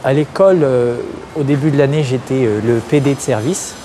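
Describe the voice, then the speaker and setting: A man's voice: mid-range voice, fairly quick, mellow, a little hiss or hum. A man from Algeria answering interview questions openly, hesitating often with fillers and restarts. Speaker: interview guest, activist. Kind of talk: candid interview.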